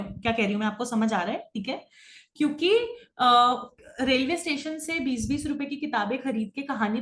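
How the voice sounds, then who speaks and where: A middle-aged woman teaching an online spiritual class, talking fast and often checking that her students follow. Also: fairly high pitch, reverberant, slight background noise. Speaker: Akashic records teacher. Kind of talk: online class lecture, Hindi-English mix.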